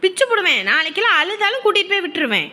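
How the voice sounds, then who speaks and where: A woman playing a sharp-tongued strict mother. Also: very high-pitched, big pitch swings, racing, full character voice. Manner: scolding, sharp, teasing. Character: strict mother and daughter-in-law. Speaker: mother in a family comedy. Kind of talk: village family comedy acting.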